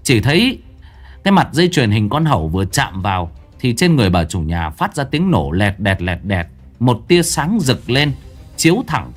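A man reading a ghost story in the first person, his pitch swinging lively and dramatic through the telling. Soft music plays faintly beneath his voice. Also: moderate pace, slightly rough.

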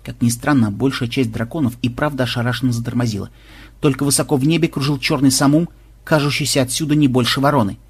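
Husky male audiobook narrator. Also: medium pitch, fairly even intonation, fast. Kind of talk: scripted narration.

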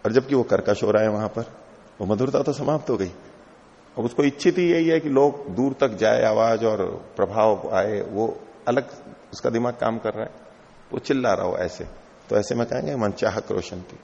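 A man's voice: on the low side, expressive, normal speed, gravelly, a little mellow. A middle-aged man teaching a classical text, explaining each term patiently and going over it again. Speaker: teacher of philosophy. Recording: lo-fi hall recording with long reverb.

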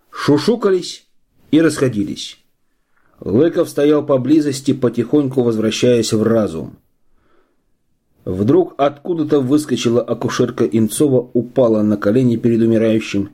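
A male audiobook narrator tells the story in a steady, measured way. His voice is mellow and dark, with a husky edge. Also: mid-range voice. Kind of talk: scripted narration.

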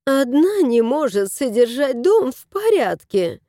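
Fussy storybook lady, cooing baby talk, swooping high, read by a woman. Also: sing-song, a little slow, mellow, no room sound, clean studio sound. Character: plump, fussy middle-aged lady cooing over a cat.

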